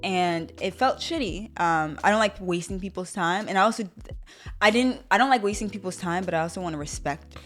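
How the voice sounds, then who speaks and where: A woman's voice: on the low side, fairly quick, faint music behind. A young adult woman co-hosting a podcast, chatting casually and animatedly, with plenty of fillers. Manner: animated, laughs often, many fillers. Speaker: podcast co-host. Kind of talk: casual chat.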